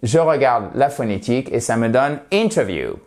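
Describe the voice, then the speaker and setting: Male teacher for a video lesson, middle pitch, friendly and chatty, drops in playful asides, slows down to stress words. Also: expressive, darkish tone. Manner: slows down and stresses words to show how they are said. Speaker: language teacher.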